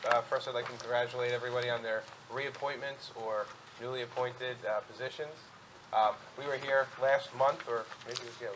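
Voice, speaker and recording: A man speaking as an attorney at a public hearing, presenting and questioning in a halting, methodical way. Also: medium pitch, a bit bright, slight background noise, low-quality recording. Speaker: attorney for an applicant. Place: public board meeting room.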